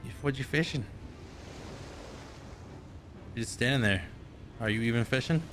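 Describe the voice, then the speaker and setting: A man's voice: medium pitch, fast talker, music in the background. A man in his thirties streaming gameplay live, rambling and joking casually and swearing freely. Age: 30s.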